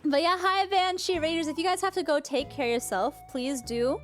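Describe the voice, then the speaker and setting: High-pitched, cute anime-streamer woman. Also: brisk. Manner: giggly, expressive, frequent exclamations. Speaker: VTuber livestream host. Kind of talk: casual livestream chat and reading aloud. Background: music.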